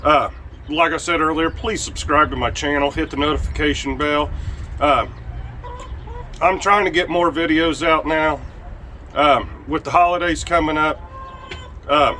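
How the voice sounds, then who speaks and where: A man hosting a casual outdoor cooking vlog, talking in a relaxed way with frequent ums. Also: fairly high pitch, slight background noise. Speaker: outdoor cooking channel host. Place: outdoors at a camp stove.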